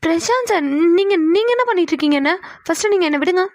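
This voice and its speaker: A woman voicing a chatty, easily flustered young female office worker in a cartoon, quick to protest. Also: very high-pitched, expressive, no room sound. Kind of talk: cartoon voice acting.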